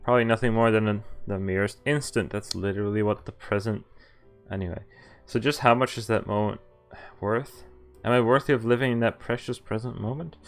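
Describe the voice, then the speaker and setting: A man streams a visual novel, reading its text aloud and breaking in between lines with laughs and casual, mildly sweary asides. His fairly low voice keeps a steady tone at a fairly quick pace. Music plays behind him.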